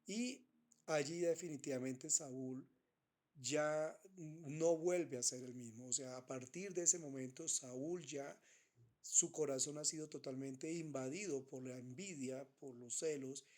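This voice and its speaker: A man giving an unscripted Bible teaching, pausing often with fillers and restarting his phrases. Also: fairly high pitch, darkish tone. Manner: hesitant, many fillers and restarts.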